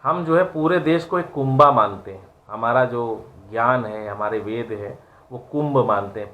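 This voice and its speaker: A man gives a moral lecture for an online class, in a medium-pitched voice. He talks earnestly and preachily, and keeps asking his listeners rhetorical questions. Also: narrow, tinny audio.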